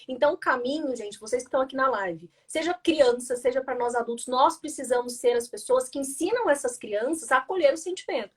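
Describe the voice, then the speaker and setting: A woman's voice: sits high, animated, brisk, few pauses, slightly rough. A Brazilian woman hosting a live stream, explaining ideas about feelings and reading out viewer comments in an encouraging teaching tone. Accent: Brazilian Portuguese. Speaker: host, journalist and communication coach.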